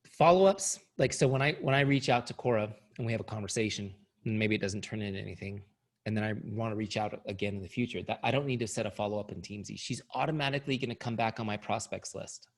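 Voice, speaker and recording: His voice is on the low side and fast, and it's beginning to give out. He's a middle-aged man, a company founder and trainer, giving an upbeat sales training talk in a coaching style, often asking "right?"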